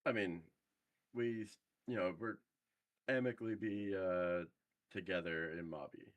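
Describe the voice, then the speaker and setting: A young man chatting casually over group voice chat while gaming, hesitant and halting with lots of fillers. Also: sits low, steady tone, dry recording, phone-quality sound. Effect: heard over group voice chat.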